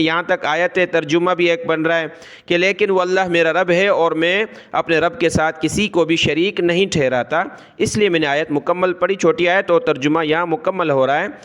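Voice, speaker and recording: A man teaching Quran recitation rules, spelling out letters one by one and chanting the words in long drawn-out tones. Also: high-pitched, fairly bright tone, clean tone. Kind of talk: tajweed lesson.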